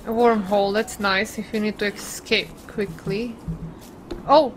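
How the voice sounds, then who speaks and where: A woman's voice: mid-range voice, fairly even intonation, measured pace. A woman co-playing a survival game, chatting casually, giggling and steering the way. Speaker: co-player. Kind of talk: casual gaming chat. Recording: noisy background.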